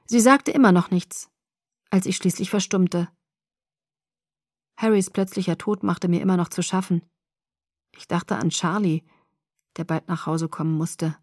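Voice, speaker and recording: A woman narrating a novel in the first person as an audiobook, with steady storytelling. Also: fairly low pitch, no echo, clean studio sound.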